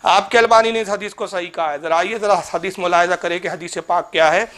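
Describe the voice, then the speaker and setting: A man's voice: high-pitched, fairly even intonation, fast talker, a bit bright. A male Islamic preacher giving a polemical religious talk, sarcastically rebuking a rival cleric and reciting Arabic scripture in a chanting cadence.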